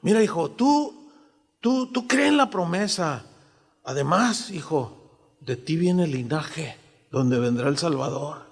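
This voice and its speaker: A fatherly old patriarch, played by a preacher gives quiet, reassuring counsel to his son. His voice is fairly high, with a long hall echo around it. He speaks in a hushed, calm way. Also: takes it slowly, gravelly, husky, full character voice. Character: biblical patriarch Abraham, fatherly old man.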